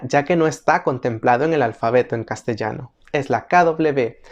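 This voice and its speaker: A teacher narrating an instructional video, methodically explaining each letter and slowly repeating every example word. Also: mid-range voice, highs cut off. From El Salvador. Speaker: language teacher.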